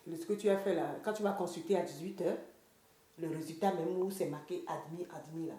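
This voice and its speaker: A mother talking with her son at home, speaking softly, earnestly and insistently. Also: lowish voice, a little fast. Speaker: vlogger's mother. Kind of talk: casual family conversation. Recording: echoey room, noisy surroundings.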